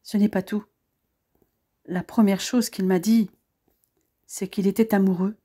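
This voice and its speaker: A woman voicing a young male officer, anxious and devoted, speaking softly and from the heart. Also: mid-range voice, steady tone, a little slow, breathy edge. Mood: heartfelt.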